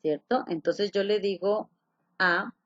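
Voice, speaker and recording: A woman's voice: medium pitch, slow pace, lo-fi sound. A woman teaching an online English class, explaining patiently, repeating key points and asking her students questions.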